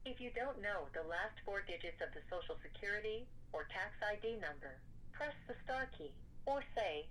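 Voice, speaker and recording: A woman reading scripted automated phone menu prompts in a measured, formal manner. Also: medium pitch, lively intonation, fairly bright tone. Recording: noisy telephone line recording.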